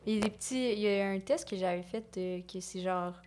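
A woman with a Québécois accent, a guest comedian chatting casually, whose sentences often trail off softly. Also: mid-range voice, a little fast. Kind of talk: casual chat.

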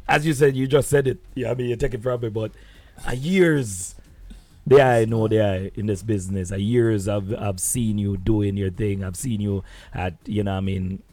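A man's voice: fairly low pitch, steady tone, normal speed, a little mellow, no echo. A man hosting a radio show in casual interview chat, often repeating words as he goes.

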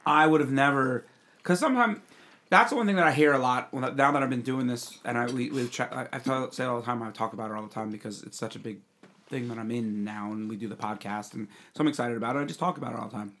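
A man's voice: mid-range voice, fast, fairly bright tone, slight background noise. Podcast co-host, male, easygoing rambling talker. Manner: rambling, chatty, trailing off into restarts. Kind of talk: casual chat.

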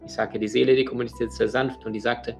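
A man's voice: medium pitch, flat delivery, quick pace, vocal fry, faint music behind. A man giving a motivational talk, addressing the listener directly and telling stories earnestly, with frequent fillers and restarts. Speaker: motivational speaker.

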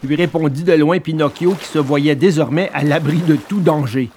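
A man narrating a children's story in an expressive, dramatic storytelling manner. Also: a little high, moderate pace, slight background noise.

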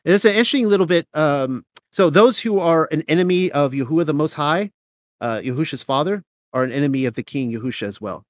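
The host of a scripture reading show has a cold, so his slightly high voice sounds nasal. He reads verses steadily, then comments loosely and fast with fillers, animated throughout, on a dry recording.

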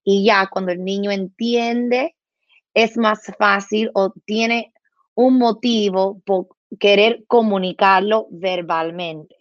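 A woman speech therapist explaining things in an interview, animated, imitating animal sounds and mixing in English words. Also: medium pitch, slow pace, no echo, dull audio.

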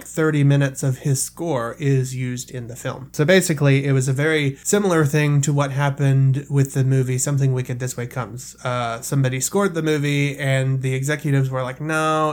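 A man co-hosting a podcast, explaining film music in a casual, filler-heavy way with some swearing. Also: mid-range voice. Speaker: podcast co-host.

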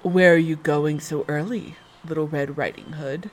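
A woman voicing a sly, hungry male wolf who talks low, slow and coaxing. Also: fairly even intonation, a little mellow, soft background music, natural voice.

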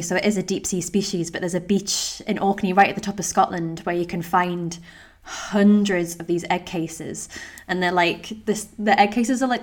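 A woman hosting a podcast, chatty and enthusiastic. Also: fairly low pitch. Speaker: podcast host. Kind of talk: casual interview chat.

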